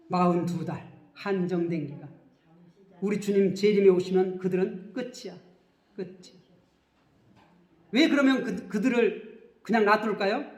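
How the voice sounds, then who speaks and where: A man's voice: sits high, echoey room. A man preaching a sermon as pastor, who keeps asking the congregation questions and then answering them himself.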